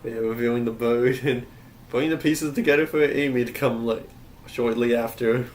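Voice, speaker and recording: A man's voice: mid-range voice, fairly even intonation, normal speed, a little mellow, a little hiss or hum. A young man giving casual gameplay commentary, rambling and correcting himself, often laughing. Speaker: game streamer.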